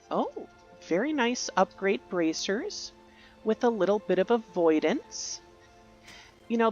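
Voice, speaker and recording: A woman's voice: medium pitch, a little mellow, dull audio. A woman giving casual, rambling commentary while playing a video game, musing aloud and correcting herself. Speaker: gaming youtuber.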